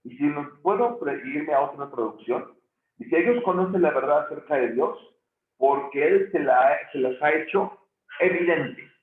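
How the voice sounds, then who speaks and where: A man's voice: fairly high pitch, moderate pace. A man teaching a recorded theology lesson, thinking aloud and correcting himself often. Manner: thinking aloud with frequent restarts and self-corrections. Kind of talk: recorded video lecture. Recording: echoey room, tinny phone-like sound.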